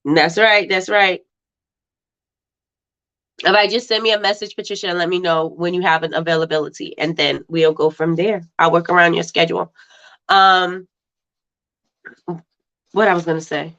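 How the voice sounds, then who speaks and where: A livestream host talks casually with her viewers, reading comments aloud, laughing frequently, and repeating herself, her voice sounding congested. It sits on the low side with a steady, slightly bright tone, at a moderate pace with frequent pauses. The audio is slightly dull and lo-fi.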